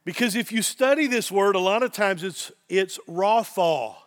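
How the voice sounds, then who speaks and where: A man with an Appalachian accent giving an informal sermon as a pastor, earnest, excitable and folksy, repeating phrases for emphasis. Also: high voice, a little fast. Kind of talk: sermon, informal Bible teaching.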